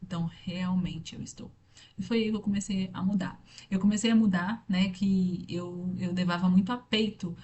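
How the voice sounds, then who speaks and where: A woman's voice: on the low side, steady tone, moderate pace, darkish tone, slight background noise. A young woman speaking earnestly and directly to the listener in a motivational faith talk, repeating her points for emphasis.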